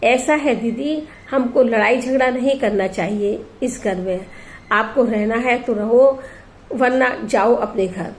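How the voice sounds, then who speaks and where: A woman reading aloud as a sharp-tongued, stingy sister-in-law in a storybook tale, lecturing and scolding. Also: a little high, measured pace. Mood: cold. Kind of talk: storybook reading with character voices.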